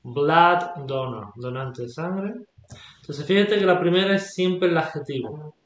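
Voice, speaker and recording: A man's voice: high-pitched, expressive, normal speed, muffled recording, slight background noise. A man teaching English vocabulary, patiently repeating words and checking that the student follows. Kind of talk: explaining vocabulary in a lesson. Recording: echoey room.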